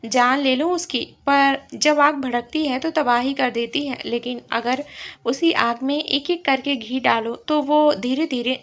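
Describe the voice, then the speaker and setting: Woman doing a calm determined young man, storybook romance, high light voice. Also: unhurried. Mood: resolute.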